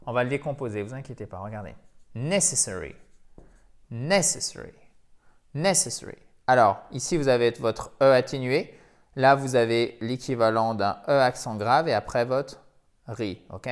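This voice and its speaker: A man who teaches English pronunciation and repeats each word slowly and carefully. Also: mid-range voice. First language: French. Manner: explains step by step, repeats English words slowly. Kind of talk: phonetics lesson.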